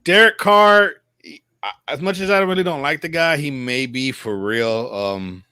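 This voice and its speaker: A man's voice: a little high, moderate pace, bright, forceful tone, clear, resonant tone, dry recording. A man giving rambling, emphatic opinions in casual sports chat on a talk show.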